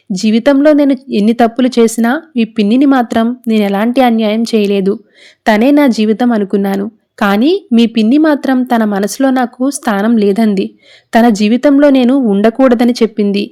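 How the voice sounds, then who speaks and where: A woman's voice: on the high side, warm tone, close to an everyday voice. A woman reading the lines of a remorseful middle-aged father in a serial recap, in an earnest, sorrowful pleading manner.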